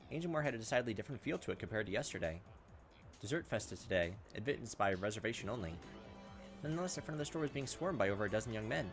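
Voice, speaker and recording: A man with a lowish, slightly bright voice hosts a gaming video, reading visual novel text aloud in a casual let's play. He throws in jokey asides and reactions, and the game's music sits behind his voice.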